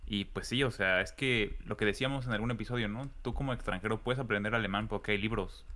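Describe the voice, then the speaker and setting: A man with a Mexican accent, co-hosting a casual podcast and telling relaxed stories with colloquial asides. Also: on the low side, fast talker. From central Mexico. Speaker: podcast co-host. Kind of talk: casual chat.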